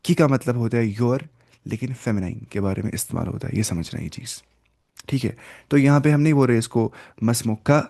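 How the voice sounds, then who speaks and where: Male teacher, patient step-by-step explainer who quizzes his class, warm mellow tone, dry close sound. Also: mid-range voice, vocal fry, no echo. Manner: repeats key words and asks the class quick check questions; patient step-by-step explaining, mixing in English terms. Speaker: Arabic teacher. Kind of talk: online language lecture.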